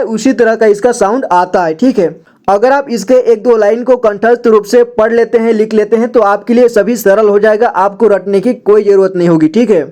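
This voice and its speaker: A woman teaching Hindi letters and vowel marks, explaining patiently, repeating herself and drawing out syllables slowly one by one. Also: medium pitch, dark tone. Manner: patient, repeats "ठीक है" and "देखिए" often, drills syllables slowly. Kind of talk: slow classroom explanation.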